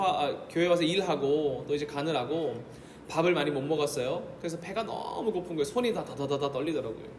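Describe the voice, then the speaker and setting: A man preaching a sermon as a pastor, telling a story and building to emphatic exhortation. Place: church sanctuary. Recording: echoey hall, faint rumble.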